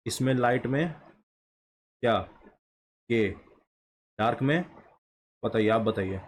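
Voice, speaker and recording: A man teaches at a slow, unhurried pace, asking a question and then answering it himself. His pitch sits in an ordinary middle range. A faint hiss of room noise stays under his voice. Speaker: shorthand teacher. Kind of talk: explaining a lesson while drawing.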